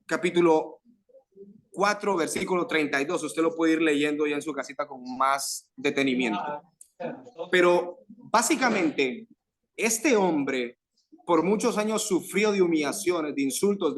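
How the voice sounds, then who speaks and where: A man with a Venezuelan Spanish accent preaching a sermon to a youth group, fervent, with rising emphatic phrases and pauses. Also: on the high side, fairly bright tone.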